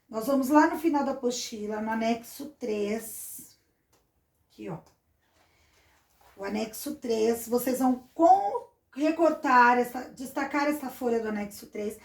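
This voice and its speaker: A female teacher with a Brazilian Portuguese accent gives a recorded lesson, walking through each point slowly and checking in with her students. Her voice sits a bit high. The room around her is echoey. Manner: patient, explains step by step with checks like "tá?".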